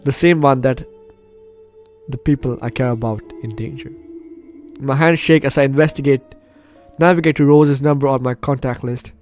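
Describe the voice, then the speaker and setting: This gaming video host speaks at normal speed in a mid-range, somewhat mellow voice, pausing often. Over game music, he comments on gameplay and reads story text aloud with drama, sometimes stumbling.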